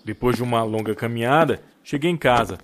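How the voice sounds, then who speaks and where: A man reading a story aloud as an audiobook narrator, in a steady storytelling manner. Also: mid-range voice, brisk, heavy background noise. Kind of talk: scripted narration.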